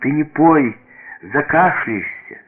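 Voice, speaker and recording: A man's voice: fairly high pitch, slow pace, voice pushed up. Man doing a frightened little girl. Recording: tinny radio broadcast.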